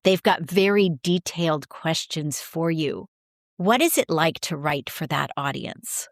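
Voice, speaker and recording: A woman's voice: low-pitched, lively intonation, measured pace, no echo, clean studio sound. A woman hosting an interview, enthusiastic and affirming as she asks her guest questions. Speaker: podcast host. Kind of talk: conversational interview.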